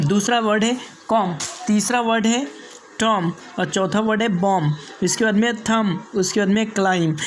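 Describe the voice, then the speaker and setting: A man's voice: high-pitched, slight background noise. A man who hosts a teaching channel, giving a spoken lesson. He repeats each rule, asks and answers his own questions, and spells words out letter by letter. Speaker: English teacher and channel host.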